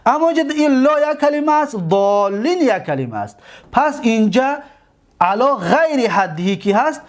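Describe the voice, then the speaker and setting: A man with a Tajik accent gives a classroom grammar lesson in a fairly high voice. He explains each point patiently, repeats himself, and stretches the example words out slowly so students can follow. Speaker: religious seminary teacher.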